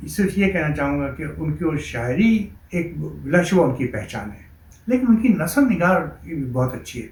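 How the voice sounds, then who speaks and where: A male host speaks in a formal, measured, admiring way. His voice sits a little high. The recording has an echoey room and a faint hiss behind him. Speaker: show host. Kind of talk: scripted tribute segment.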